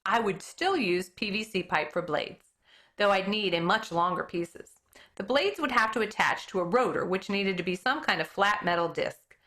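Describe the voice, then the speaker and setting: An elementary school teacher, a woman with a mid-range voice, reads a children's book aloud at a moderate pace with expressive storytelling. She stumbles over difficult names and comments on them.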